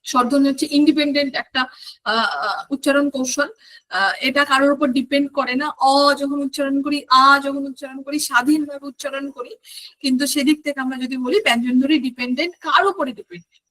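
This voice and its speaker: A woman's voice: high-pitched, steady tone, fast, a bit bright. A woman teaching an online exam-prep lesson, explaining step by step and putting questions to her students.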